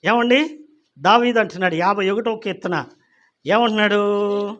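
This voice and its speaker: A man preaching a sermon as pastor. He keeps putting questions to the congregation, slows right down to read scripture, and drops quiet and low on key words. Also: dull audio. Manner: calls out questions to the congregation, repeating "ఏమండి?".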